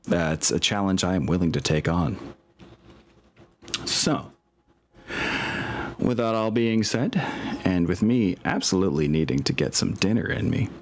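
A middle-aged man with a deep voice chats casually and somewhat ramblingly while wrapping up an online tabletop game he ran as game master.

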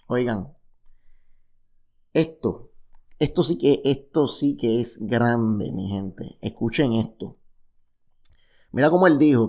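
A man leads a casual Bible study in a mid-range voice. He reads a verse, then breaks into animated, repeating explanations, addressing his listeners directly. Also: mid-range voice. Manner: reads verses then explains them with lively asides and repetitions. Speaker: bible teacher.

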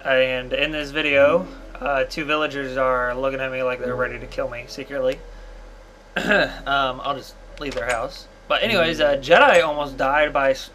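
A man's voice: mid-range voice, sharp tone. A man hosting a casual game playthrough, joking and often exclaiming at what happens. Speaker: host. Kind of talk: casual gameplay commentary. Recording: background music clearly audible.

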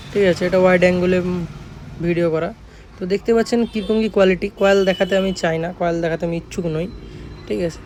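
This is a high-pitched man from Jhargram, West Bengal, India, presenting a video about his speaker workshop with slight background noise. In his West Bengal accent he chats casually, repeats what he's said, and keeps adding little phrases asking for agreement.

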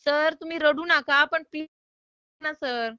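High bright woman on a phone call. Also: fairly even intonation, a little slow, dry recording. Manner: polite but insistent, exasperated. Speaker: loan collection caller.

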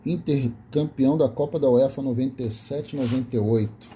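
Indoors in a small room, a Brazilian man films his VHS tape collection, reading the labels aloud in a casual, list-like way and correcting himself as he goes. His mid-range voice is mellow, at a moderate pace, with a Brazilian Portuguese accent, and there's a little hiss or hum.

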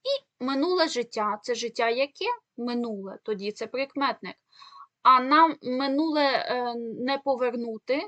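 A woman teacher from Ukraine explaining grammar in an exam-prep lesson, asking rhetorical questions and pausing on fillers. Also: fairly high pitch, a bit bright, dry recording.

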